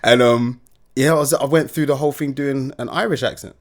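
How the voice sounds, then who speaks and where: Young guy on a podcast, chatty and animated, laughs a lot. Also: medium pitch, a little fast. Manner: animated, laughs often, slips into voices. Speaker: guest. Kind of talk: casual interview chat.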